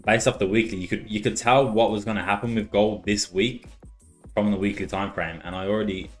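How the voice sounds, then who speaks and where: A deep-voiced man with a Birmingham accent worn smooth by years abroad talks casually on a live stream. He repeats himself and drops in "like" and "man". Soft music plays faintly behind him. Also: a little fast. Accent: Birmingham English, softened by years in Australia. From Birmingham, England. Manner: relaxed and chatty, repeats words, says "like" and "man" often. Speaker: live-stream trading host. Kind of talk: casual live-stream chat and chart commentary.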